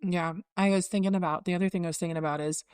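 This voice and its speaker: Low-voiced woman musing on faith. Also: steady tone, rapid-fire, darkish tone, smooth, dry recording, studio quality. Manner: reflective, circling back, teaching tone. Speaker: podcast co-host. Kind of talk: casual faith chat.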